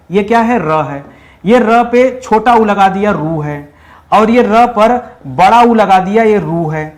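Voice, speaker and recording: A man teaching a Hindi exam-prep lesson in a brisk, chatty way, drilling with repeated questions and answers and teasing his students. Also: high-pitched.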